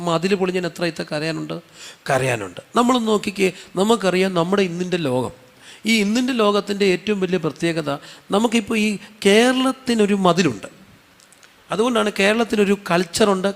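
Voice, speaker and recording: A man's voice: high-pitched, long reverb tail. A man with a Malayali accent preaching a sermon, putting questions to his listeners and answering them himself, with conversational, humorous asides.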